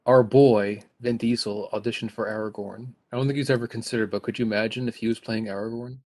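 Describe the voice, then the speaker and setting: A young man co-hosting a casual podcast chat, chipping in quick jokes and asides. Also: on the low side, steady tone, darkish tone. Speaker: podcast co-host.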